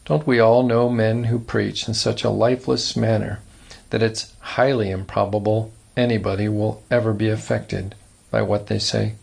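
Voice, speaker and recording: A man reading aloud a lecture on preaching, with an earnest, measured delivery. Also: lowish voice, level tone, gravelly, husky. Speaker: reader.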